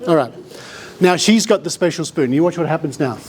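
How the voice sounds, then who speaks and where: A man's voice: on the high side, lively intonation, brisk. Jokey Australian man presenting on stage. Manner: jokey, chatty showman, breaks into laughs. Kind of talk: live conference talk with audience participation. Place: conference hall before a live audience.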